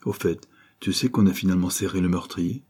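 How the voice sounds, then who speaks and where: A man's voice: low-pitched, fairly even intonation, fairly quick, a little mellow, husky. A man voicing a brash middle-aged male police officer who rides a motorbike, breezy and teasing.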